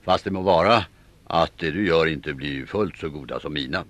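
A man's voice: rumbling low, a bit bright, no room sound. A man voicing a proud, boastful male Viking warrior with a mocking manner. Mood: hearty. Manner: mocking, bragging.

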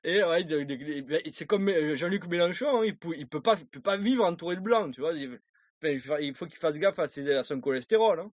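Man, co-host, casual chat, halting, lots of filler pauses, slightly high voice, dull lo-fi dry sound. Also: no room sound. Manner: hesitant, many filler pauses and restarts. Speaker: co-host of an online talk show.

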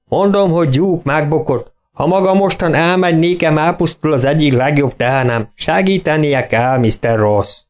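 Audiobook: man doing a desperate, high-pitched pleading farmer. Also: natural voice. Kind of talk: audiobook reading.

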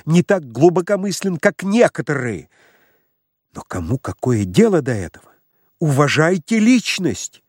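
A man voicing an overwrought, hysterical young man who pleads and shouts. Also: a little high, slightly rough, no room sound, clean studio sound, pitched above the performer's own voice, full character voice.

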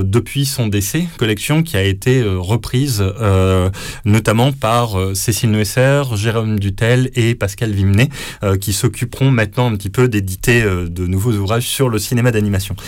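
Low-voiced man reviewing books. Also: dry recording, clean studio sound. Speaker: radio columnist. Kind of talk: radio book review.

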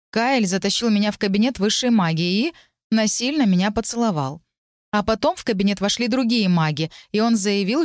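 A woman voicing a flustered young female student heroine in an audiobook, speaking with raised pitch and quick emotion. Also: no echo, clean studio sound, lightly acted. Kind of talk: audiobook character reading.

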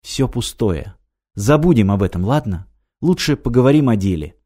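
A man reading the lines of a determined young woman in an audiobook, brisk and earnest. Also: mid-range voice, lively intonation, warm tone, natural voice.

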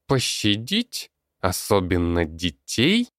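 A man voicing a cruel male goblin master with a high, screechy voice and mocking, broken speech, in an audiobook. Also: huge pitch swings, slow, no room sound, studio quality, heavily acted. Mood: menacing. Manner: mocking, broken grammar, yelling.

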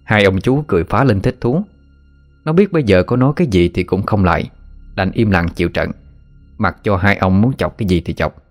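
Deep-voiced male storyteller. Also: a little fast. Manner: steady, even storytelling. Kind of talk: scripted story narration. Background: faint background music.

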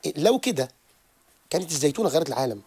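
A man, a therapist guest on a radio show who lectures quickly and keeps restarting his sentences. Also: on the high side, slightly rough, no echo. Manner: animated, rapid lecturing with frequent restarts. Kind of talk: radio interview explanation. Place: radio studio.

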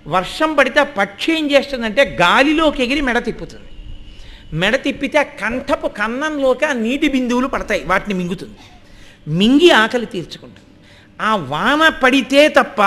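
High, bright-voiced man giving a devotional discourse. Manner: animated, addresses listeners directly, acts out voices and chants Sanskrit verses. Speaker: religious discourse speaker.

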